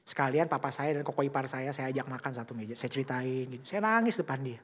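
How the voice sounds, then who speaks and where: A man's voice: mid-range voice, fast. A man, telling a colloquial, emotional personal testimony in a church service. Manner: animated emotional storytelling, acting out quotes, colloquial. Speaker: church speaker giving a testimony. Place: church hall. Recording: reverberant church hall.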